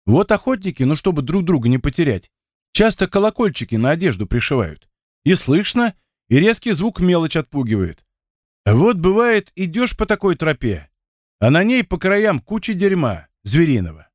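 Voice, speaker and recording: A man's voice: on the high side, very animated, dry recording, clean studio sound, voice pushed up. Man reading as Mordey, a boastful young dancer. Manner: boastful, quick to take offence. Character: boastful young male dancer, tall-tale teller.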